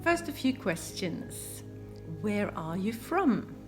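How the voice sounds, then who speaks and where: A Swedish woman in her fifties speaks English as a second language, with a clear Swedish accent. She talks slowly and carefully, pausing often with ums as she answers viewer questions. Music plays clearly behind her voice. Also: mid-range voice, big pitch swings. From Sweden. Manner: slow, careful, with many ums and pauses. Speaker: home renovation YouTuber. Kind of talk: casual Q and A vlog.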